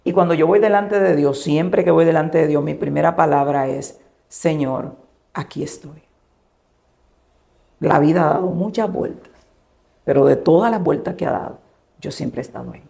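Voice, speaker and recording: A woman pastor, giving an emotional personal testimony and softly acting out the dialogue she recounts. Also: deep voice, normal speed, creaky. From Dominican Republic. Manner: storytelling, acting out quoted dialogue in a hushed voice.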